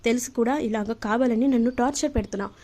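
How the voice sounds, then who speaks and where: A woman's voice: on the high side, fast talker, dark tone, lightly acted. A woman voicing an angry young husband who scolds his wife, in a telling of a TV serial. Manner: scolding, indignant.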